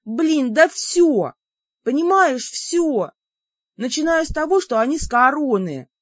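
A woman voicing an exasperated young heroine with a high, shrill, pleading voice. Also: animated, moderate pace, fairly bright tone, no echo. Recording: dull lo-fi dry recording.

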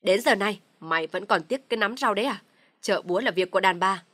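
A woman voicing an older father-in-law who gives loud, commanding orders to his family in an audio story. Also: fairly low pitch, racing, no room sound, lightly acted. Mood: stern commanding.

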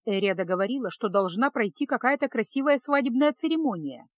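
A woman narrating a fantasy audiobook in an even storytelling delivery. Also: a little high, fairly quick, no echo.

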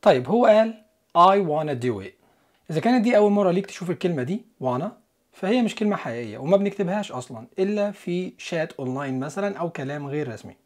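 A man with an Egyptian Arabic accent teaching an English listening lesson, explaining step by step and slowing down for the English example sentences. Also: a little high, lively intonation. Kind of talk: scripted lesson narration.

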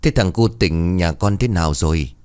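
A male narrator voicing an elderly grieving grandmother who talks softly and caringly to her grown children in a storybook ghost tale. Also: deep voice, moderate pace, smooth, natural voice.

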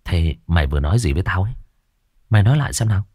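A man voicing a brash young exorcist who mutters curtly in a low voice. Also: animated, rapid-fire, darkish tone, breathy edge, no echo, studio quality. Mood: curt muttering. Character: cocky young male exorcist.

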